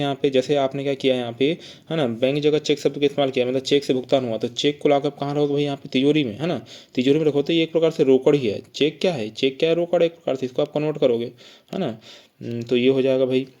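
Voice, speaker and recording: Fast-talking male accounting teacher. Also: medium pitch, dark tone. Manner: asks the class questions then answers them himself; repeats points with frequent tag questions. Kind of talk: accounting lesson.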